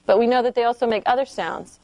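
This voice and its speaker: A woman's voice: a little high, fast talker, dark tone, dry recording. A woman teaching a small group of children to read in a classroom, patiently asking questions and checking they follow. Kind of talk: classroom phonics lesson.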